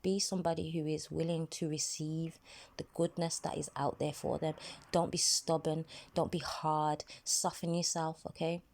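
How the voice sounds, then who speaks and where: Soft-spoken woman, low mellow voice. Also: little pitch movement, normal speed, gravelly. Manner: conversational, many fillers, soft-spoken advice. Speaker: ministry video host. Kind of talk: casual spoken devotional talk.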